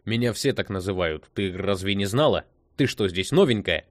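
A man's voice: fairly low pitch, expressive, normal speed, no echo, clean studio sound. A man reading an audiobook, voicing a smug, scheming male boss who mutters plans to himself. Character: scheming self-satisfied male city boss.

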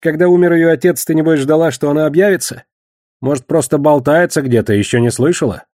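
A man's voice: fairly high pitch, fast talker, a little mellow, no room sound, studio quality, pitched above the performer's own voice, lightly acted. A man reading an audiobook, voicing a doubtful village woman in a raised, questioning voice. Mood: uneasy.

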